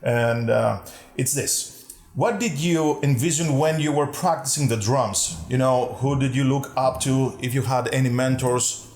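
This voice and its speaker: A man's voice: mid-range voice, a little slow, a little mellow, reverberant. A man hosting an interview, asking questions in an informal, exclamatory way. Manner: informal, exclaiming, laughs along. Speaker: interview host.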